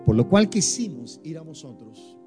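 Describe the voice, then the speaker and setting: A man preaching a sermon, emphatic, with big swings in pitch and loudness as he stresses points. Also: sing-song, moderate pace, faint music behind. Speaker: pastor.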